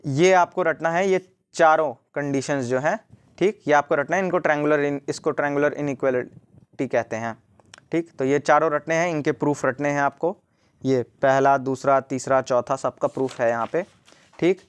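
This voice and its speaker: A man's voice: a little high, moderate pace, clear, resonant tone. A young man tutoring students through their notes in a casual mix of Hindi and English, often saying "ठीक". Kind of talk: screen-recorded study lesson.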